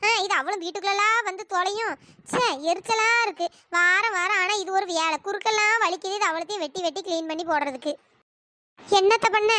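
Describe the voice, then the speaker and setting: Squeaky sped-up sounding cartoon village auntie, village talk, grumbles and scolds, bright and dry. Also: no echo. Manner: grumbling, scolding, talks to herself. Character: grumbling village woman, Chellathayakka, fussy, bossy neighbor. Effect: pitch-shifted up. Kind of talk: cartoon voice acting.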